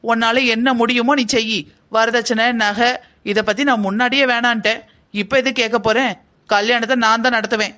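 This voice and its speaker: Man putting on a stern, proud cartoon mother-in-law, high and fast, bossy. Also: bright, forceful tone. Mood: firm. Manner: bossy, firm, declaring. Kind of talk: cartoon family drama voice acting.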